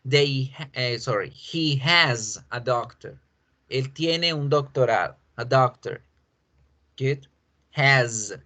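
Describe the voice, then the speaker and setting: Slow, patient male English teacher. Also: medium pitch, fairly bright tone. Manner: patient, repeats each word several times as a drill. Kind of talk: pronunciation lesson.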